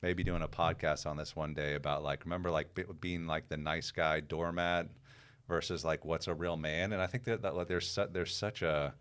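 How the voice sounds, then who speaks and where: A man co-hosting a podcast, chatty and animated, quick to tease and joke. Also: low voice, smooth. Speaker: podcast co-host. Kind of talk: podcast conversation.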